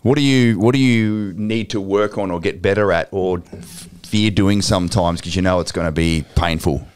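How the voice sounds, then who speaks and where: An Australian podcast co-host with a fairly low voice. His talk is laid-back and easy, with a joking streak. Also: moderate pace. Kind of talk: casual podcast chat.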